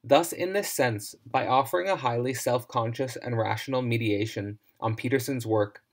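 A man narrating a scripted philosophy lecture in a measured, formal reading voice. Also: mid-range voice.

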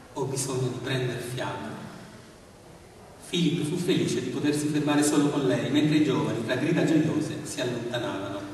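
A man giving a measured, expressive dramatic reading of a story. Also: medium pitch, a little hiss or hum. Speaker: reader, storyteller. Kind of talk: dramatic literary reading with music. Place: large hall of a villa's lemon house. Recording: echoey hall, far from mic.

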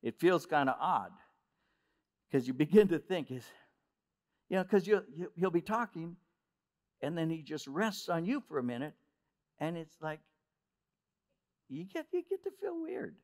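A male pastor preaching a sermon in a conversational way, with restarts and slow stress on key words. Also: on the high side, animated.

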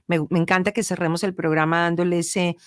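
Low-voiced woman hosting a radio show. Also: little pitch movement, brisk, clear, resonant tone, no room sound, clean studio sound. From Colombia. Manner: encouraging, affirming, many short acknowledgements. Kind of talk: interview. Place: radio studio. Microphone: studio mic.

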